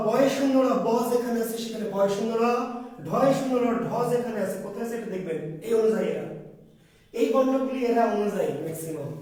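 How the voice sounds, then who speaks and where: A man's voice: high-pitched, warm tone, recorded from a distance. A man teaching an exam preparation class, who keeps asking a question and then answering it himself. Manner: repetitive quizzing, asks and answers himself. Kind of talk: classroom lecture. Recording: echoey room, voice from off mic.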